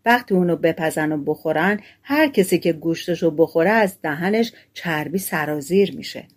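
A woman's voice: sits low, expressive, voice pushed down. A woman reading the lines of a sly teenage boy who talks someone into a trade, in a storybook tale. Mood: scheming. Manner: scheming, persuasive.

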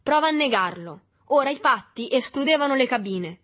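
A woman's voice: high voice, animated, moderate pace, pitched above the performer's own voice, full character voice. Woman voicing a brutish mocking older boy. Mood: accusing. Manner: shouting, taunting. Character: brawny dull older teenage boy, brutal and mocking.

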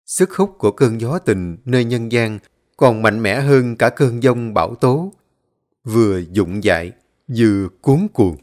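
A man reading a dramatic story aloud as a storyteller, in a measured, dramatic manner. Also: medium pitch, darkish tone. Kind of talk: scripted story narration.

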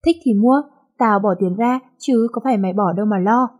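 Cocky rich young guy who teases his girlfriend, a woman reading him aloud, soft mellow husky voice. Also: mid-range voice, fairly quick, close to an everyday voice. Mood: teasing. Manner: cocky, playful teasing. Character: teasing wealthy young man, the boyfriend.

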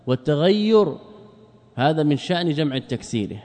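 In a large hall, a man lectures on Arabic grammar with a fairly high, darkish voice and lively intonation. He asks rhetorical questions, answers them himself, and slows down to spell out word forms.

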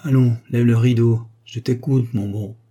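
A man's voice: mid-range voice, steady tone, unhurried, dark tone, natural voice. A man voicing a scheming former notary clerk turned fixer, jovial and fond of saying "mon bon". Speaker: character in an audiobook.

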